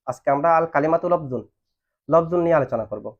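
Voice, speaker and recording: A man's voice: fairly high pitch, fast. A man teaching a grammar lesson, asking questions and waiting for students to answer. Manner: asks questions and has students answer back. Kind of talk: classroom lesson on Arabic grammar. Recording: dull lo-fi recording.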